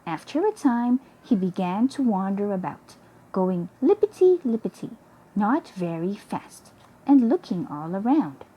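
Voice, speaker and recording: A woman reading a children's story aloud in a careful, expressive, dramatic storytelling manner, with a slightly husky voice. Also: medium pitch, a little slow, highs cut off.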